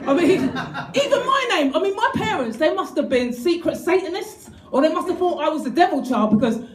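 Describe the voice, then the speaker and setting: A woman's voice: very high-pitched, big pitch swings, a little fast. Bawdy woman doing stand-up. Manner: bawdy, shouts punchlines in put-on voices. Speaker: stand-up comedian. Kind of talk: stand-up comedy set. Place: comedy club stage with laughing audience. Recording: echoey club, crowd laughter.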